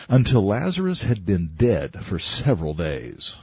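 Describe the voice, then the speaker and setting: A man's voice: low-pitched, wildly swooping pitch, a little slow, husky, no room sound, highs cut off. A man narrating a nonfiction book in a wry, conversational way, asking rhetorical questions. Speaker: audiobook narrator.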